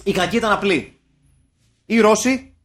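Animated, high-voiced man chatting. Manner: animated, swearing, bursts into mock-shouted quotes. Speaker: podcast co-host. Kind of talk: casual banter about films.

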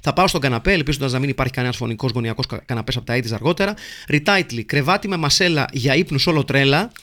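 A man's voice: mid-range voice, fairly bright tone. A man hosting a podcast, reading listener messages aloud in a playful, jokey way and rattling through lists of names. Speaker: podcast host.

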